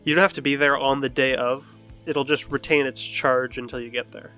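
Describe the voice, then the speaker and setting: A man running a tabletop game as game master, explaining rules in a relaxed, teasing way. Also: mid-range voice, brisk, soft background music.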